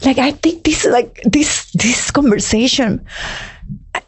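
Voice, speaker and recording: A woman's voice: sits high, slow, slightly rough. A woman hosting a podcast, effusive and enthusiastic in casual chat. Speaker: podcast host.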